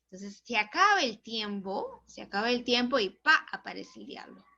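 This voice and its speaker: A woman teacher retells a story for her class, animated and often turning to her students. Her voice is bright and a little high, and the recording is dull and lo-fi. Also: normal speed, vocal fry. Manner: animated, tags questions to students. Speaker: literature teacher. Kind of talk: storytelling lesson.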